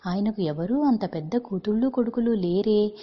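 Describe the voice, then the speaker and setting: A woman voicing a poor, ragged, ailing man who speaks gently and affectionately, with a husky voice. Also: mid-range voice, moderate pace, muffled recording, natural voice. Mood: tender.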